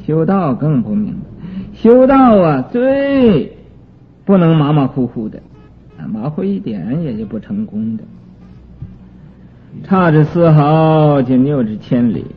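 A man giving a Buddhist sutra commentary lecture, explaining terms slowly with many drawn-out fillers. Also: a little high, sing-song. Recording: tinny lo-fi recording with faint music.

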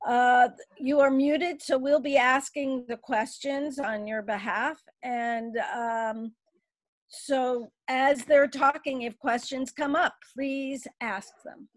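An older woman in her sixties co-moderating a webinar, giving clear, organized instructions. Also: sits high, steady tone, takes it slowly, no echo, poor audio. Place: home study indoors. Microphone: headset on video call.

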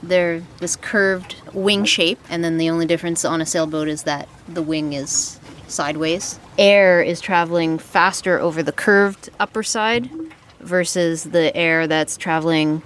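A woman in her thirties stands on the deck of a sailboat at sea, casually explaining sailing basics to camera with relaxed, practical hand gestures. She holds a furry lavalier near her mouth, her voice on the low side and a little slow, with faint wind and water noise behind her.

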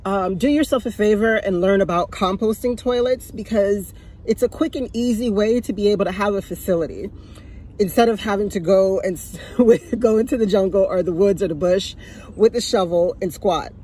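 A woman in her fifties, a vlogger, offers casual advice into a phone held at arm's length while parked in her car on a sunny day. Her medium-pitched voice has a dark, slightly rough tone at normal speed, and she's chatty, chuckling, repeating things for emphasis.

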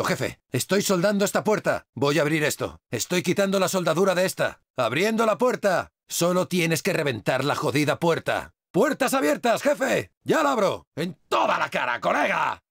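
A man with a Castilian Spanish accent voicing a tough, foul-mouthed male survivor in a video game, with barked combat shouts and crude wisecracks. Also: sits high, vocal fry, slightly rough, no room sound, clean studio sound, full character voice. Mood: gruff, then aggressive. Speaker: game voice actor. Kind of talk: video game dub lines. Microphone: dry studio dubbing mic.

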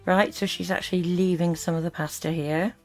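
A woman's voice: lowish voice, fairly even intonation, brisk, a little mellow, faint music behind. A woman giving critical reaction commentary as host, disapproving and full of sarcastic asides.

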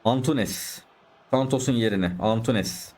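Speaking slowly in a medium-pitched, slightly mellow voice, a man provides chatty live commentary on the football video game he's playing. This gaming YouTuber addresses his viewers and reacts loudly to the plays.

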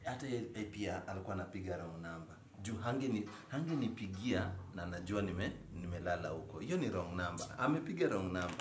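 A man's voice: low-pitched, animated, fast talker, hardly any pauses. A young man with a Kenyan accent playing an evasive husband who protests repetitively in a comedy skit. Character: evasive young husband stubbornly denying everything. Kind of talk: comedy skit acting in everyday conversational speech. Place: small living room, indoors. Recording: echoey room, faint background noise.

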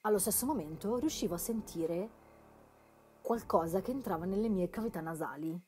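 An Italian woman translating and reading a horror game aloud, moving between quiet narration and loud joking remarks. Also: medium pitch, normal speed, slight background noise. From Italy. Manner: reads narration softly then breaks into loud, playful commentary. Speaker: let's play host translating a game aloud.

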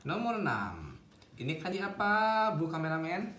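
Man, Indonesian accent, casual video lesson, playful and teasing, lively up-and-down pitch, echoey room. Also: normal speed. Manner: playful, teasing, laughs often. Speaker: Japanese language teacher.

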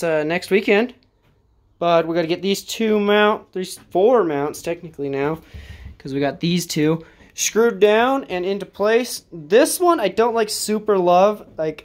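A young man casually explaining his cargo trailer work in a DIY vlog, rambling and correcting himself as he goes, filmed on a handheld camera inside a trailer. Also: on the high side. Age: young adult. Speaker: DIY vlogger.

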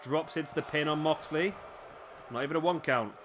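A man's voice: on the high side, a little fast, over music. A man with hiccups giving casual play-by-play commentary on a wrestling video game. He is chatty, often adds tag questions and corrects himself.

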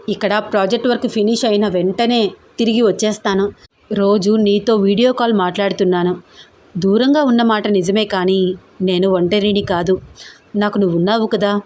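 A woman's voice: medium pitch, steady tone, normal speed, a little mellow, lightly acted. A woman reading an audio story, voicing a loving young man who speaks seriously and reassuringly.

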